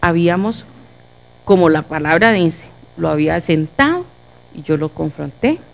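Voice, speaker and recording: A middle-aged woman with a Costa Rican accent, giving a lively testimony to a church audience and acting out the dialogue. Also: low voice, moderate pace, creaky. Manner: animated storyteller acting out dialogue. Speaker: church speaker.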